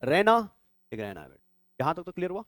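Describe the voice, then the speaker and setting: Man, biology exam-prep lecture, high quick voice, quizzing students, dry close sound. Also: sing-song, a bit bright, no echo. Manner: quizzing students with rapid questions, calling them "beta". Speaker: biology teacher.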